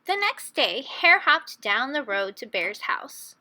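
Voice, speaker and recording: High, animated woman reading a children's story. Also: slow pace, slight background noise. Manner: expressive, dramatic. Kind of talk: children's picture book read-aloud.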